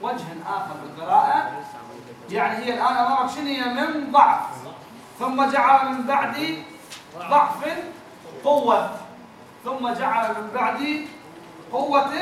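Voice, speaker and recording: A man teaching Quran recitation to a class, explaining patiently, repeating words and chanting verses slowly. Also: extremely high pitch, fairly bright tone. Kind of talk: classroom lesson with chanted examples. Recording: very echoey room, mic far off, faint noise.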